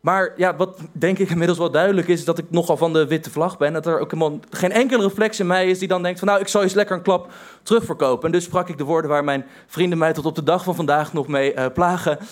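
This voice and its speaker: This is a young man with a slightly high voice, telling a story from his own life. He pokes fun at himself and often pauses on filler sounds. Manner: wry, self-mocking, with hesitant fillers. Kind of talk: personal storytelling.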